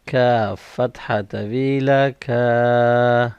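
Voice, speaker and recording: Slow, clear male Quran reading teacher. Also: mid-range voice, fairly even intonation, darkish tone, no echo. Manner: spells out each letter and vowel, then blends the syllables slowly. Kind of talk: slow syllable-by-syllable recitation drill. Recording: dull, slightly lo-fi dry recording.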